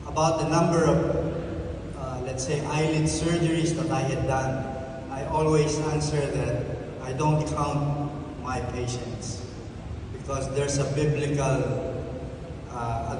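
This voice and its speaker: A man in his eighties, a plastic surgeon, giving a rambling speech at an event, with unhurried pauses and restarts. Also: mid-range voice. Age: 80s. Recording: echoey hall, mic heard from a distance, audible noise.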